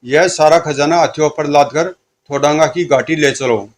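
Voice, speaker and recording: A man's voice: on the high side, normal speed, slight background noise, lightly acted. A man voicing a greedy, boastful male villain chief who mocks his enemies. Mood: gloating. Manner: boastful, mocking laugh.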